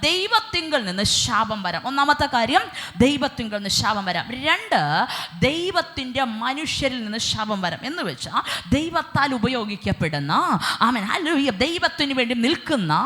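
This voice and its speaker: A woman with a Malayali accent delivers a sermon in a bright, ringing voice. She scatters hallelujahs and English fillers through her preaching. She puts questions to her listeners and answers them herself. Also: on the high side.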